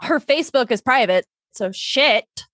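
A young adult woman co-hosting a podcast in casual, comedic chat, blunt and dramatic and quick to swear. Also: a little high, expressive, a bit bright, dry recording. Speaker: podcast co-host.

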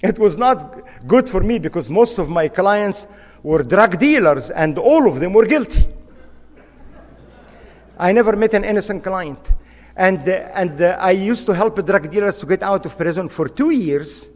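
A man's voice: high-pitched, animated, moderate pace, darkish tone, big-room sound. Impassioned male preacher. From Egypt. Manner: impassioned, emphatic, repeats key phrases. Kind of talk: sermon.

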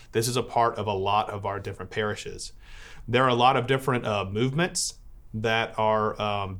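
Man telling stories, relaxed and chatty. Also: lowish voice. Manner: relaxed storytelling with filler words. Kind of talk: informal talk to a church audience.

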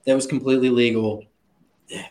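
A man's voice: medium pitch, fairly quick, echoey room, poor audio. A man telling a story in casual podcast talk, laughing often and swearing freely. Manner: laughing, profane, animated storyteller. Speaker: guest.

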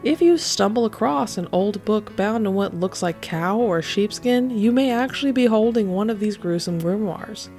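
A woman's voice: mid-range voice, lively intonation, moderate pace, few pauses, darkish tone, faint music behind. A woman hosting a podcast with scripted narration in a playful, theatrical manner, her voice a little affected by being sick. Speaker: podcast host.

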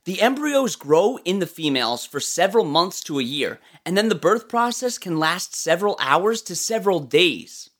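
This is a nature documentary style narration from an educational presenter with a very animated, mid-range voice. The delivery is explanatory and informal, speaking straight to the listener, with plenty of movement in the intonation. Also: mid-range voice, moderate pace, few pauses.

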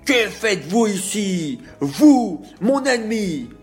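A man voicing a proud, wealthy host who shouts angrily at an unwanted guest. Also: sits high, sing-song, slow pace, faint music behind, pitched above the performer's own voice, exaggerated voice. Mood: furious. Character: wealthy furious male host, proud and harsh.

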